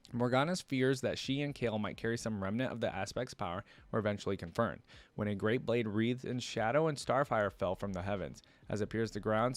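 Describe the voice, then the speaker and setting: Hosting a reaction video, a man switches back and forth between reading a story and thinking aloud in casual commentary. His voice is fairly low in pitch, recorded with no echo.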